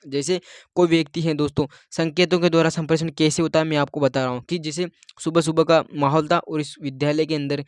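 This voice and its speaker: A man's voice: fairly high pitch, fairly even intonation, a little fast, dry recording, studio quality. A man teaching an exam-prep lecture, explaining step by step, repeating his points and checking in with his listeners often. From India. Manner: repetitive, checks in with 'ठीक है?' often.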